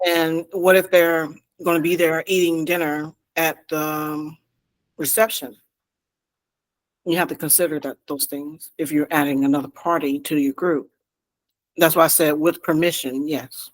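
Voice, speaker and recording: A woman's voice: deep voice, steady tone, a little slow, no room sound, low-quality recording. A woman on a group video call, answering thoughtfully with some hesitant fillers. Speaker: meetup participant.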